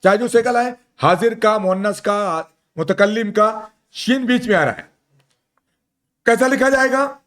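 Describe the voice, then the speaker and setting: A male Arabic teacher leading a classroom lesson, spelling out letters slowly and keeping students engaged with frequent check-in questions. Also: extremely high pitch. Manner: quizzes students, keeps asking "isn't it?". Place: classroom at an Islamic school.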